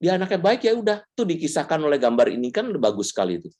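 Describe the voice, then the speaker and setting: A man's voice: on the high side, sing-song, rapid-fire, darkish tone. A middle-aged man, a priest, giving a conversational faith talk and telling stories animatedly, acting out the quotes.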